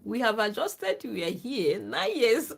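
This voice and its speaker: Her voice is a little high and unhurried, with wide pitch swings, some creak, and a breathy edge. She's a former lecturer, not a native English speaker, hosting a livestream where she casually and earnestly advises viewers, repeatedly asking "okay?" to confirm they understand.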